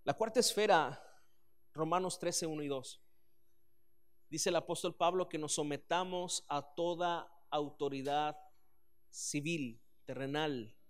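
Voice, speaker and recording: A man, preaching a sermon as pastor, earnest and animated with frequent restarts. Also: on the high side, a little slow, clear, resonant tone.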